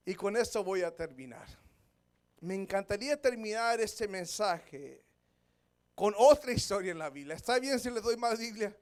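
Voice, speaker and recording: A male pastor preaching a sermon, moving from hushed asides to fervent shouting. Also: sits high. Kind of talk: Spanish-language sermon. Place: church service.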